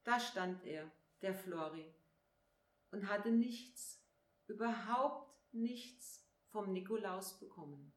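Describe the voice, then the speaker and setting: A woman reading a children's story aloud in a calm, clear storybook manner. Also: medium pitch, takes it slowly. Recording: echoey room.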